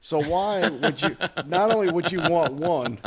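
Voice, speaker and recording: A man's voice: fairly high pitch, expressive, a little slow, a loud crowd. A man co-hosting a talk show, giving casual comedic commentary in a crude, profanity-laced way. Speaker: show co-host.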